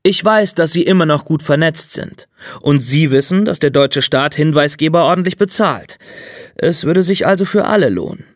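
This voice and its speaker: A man's voice: on the high side, normal speed, dry recording, studio quality, natural voice. A man voicing a cold, insistent middle-aged state official in an audiobook reading. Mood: persuasive.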